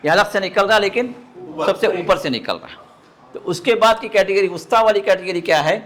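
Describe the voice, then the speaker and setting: A man teaching a live recitation class to students, sounding out throat letters and asking often if the point is clear. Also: high-pitched, animated, a bit bright. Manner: demonstrates throat sounds, asks learners to confirm understanding. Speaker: religious teacher.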